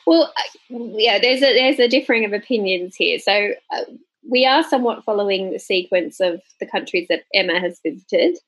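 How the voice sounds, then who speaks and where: Husky-voiced woman in her thirties. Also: medium pitch, moderate pace, no echo, low-quality recording. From Australia. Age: 30s. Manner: chatty, laughs often, corrects herself mid-sentence. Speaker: podcast co-host. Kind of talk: casual travel podcast chat.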